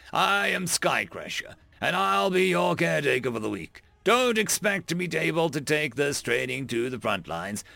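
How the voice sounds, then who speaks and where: A man voicing a brisk male military weapons instructor with a barking, commanding manner in a sci-fi audiobook. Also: fairly high pitch, gravelly, bright, forceful tone, no echo, voice pushed up, heavily acted.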